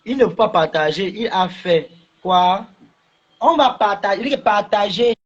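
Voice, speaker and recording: A man taunts a rival on a livestream, hammering the same questions again and again. His voice is pitched high and husky. The audio is dull and lo-fi. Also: normal speed. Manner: taunting, repeats questions, rising to shouts. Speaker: social media livestreamer. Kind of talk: mocking livestream rant.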